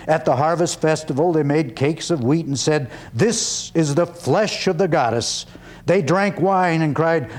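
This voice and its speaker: This man's voice sits at a medium pitch and is slightly mellow. He gives a solo dramatic stage reading, taking on the role of a sincere yet doubting 19th-century orator whose measured, forceful lines are broken by pauses.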